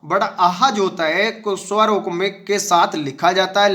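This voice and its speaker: A man's voice: high voice, sharp tone. A male teacher giving an exam-prep lesson, asking the class questions and answering them himself. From India.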